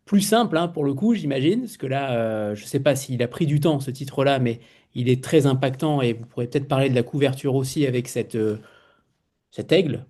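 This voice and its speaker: A man hosting a literary interview, asking authors measured, articulate questions. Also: medium pitch, warm tone. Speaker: interviewer host.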